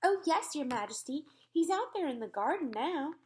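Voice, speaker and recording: A woman voicing an earnest, courteous little girl in a storybook read-aloud, calm and friendly. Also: high-pitched, moderate pace, a little hiss or hum, voice pushed up. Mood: eager, reassuring.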